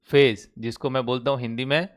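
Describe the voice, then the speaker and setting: A mid-range, steady voice with a brisk pace belongs to a man teaching chemistry in Hindi with a Rajasthani accent. Throughout this classroom lecture, captured as an online class recording, he constantly quizzes students with call-and-response questions.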